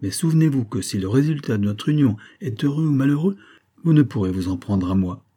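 A man's voice: mid-range voice, animated, brisk, dark tone, breathy edge, voice pushed up. A man voicing a jealous young baronet in an audiobook, speaking intensely and earnestly.

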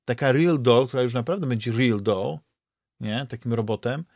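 Podcast co-host, man, mid-pitched, rambling casual chatter, dry close recording. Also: moderate pace, darkish tone, no echo. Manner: rambling, many restarts and fillers. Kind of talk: casual chat.

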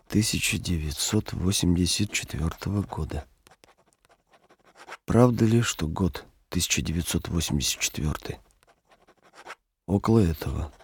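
An actor playing a weary male clerk in his late thirties, speaking slowly and brooding, in an audio drama. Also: low-pitched, husky, full character voice. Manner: slow, brooding, growing defiant.

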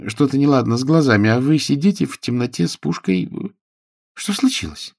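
A man voicing a domineering aristocratic lady who speaks in a sharp, accusing way. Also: mid-range voice, animated, brisk, vocal fry, voice pushed up. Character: irate aristocratic older woman, domineering lady.

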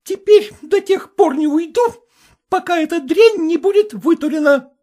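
A man's voice: extremely high pitch, moderate pace, warm tone, pitched above the performer's own voice. A man reading aloud voices a furious, jealous middle-aged woman who screeches accusations at a cook. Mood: spiteful.

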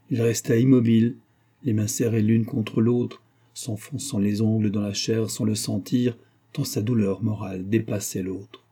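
A man reading a classic novel aloud as an audiobook, in a measured, steady literary narration. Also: fairly low pitch, slightly rough. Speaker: audiobook reader.

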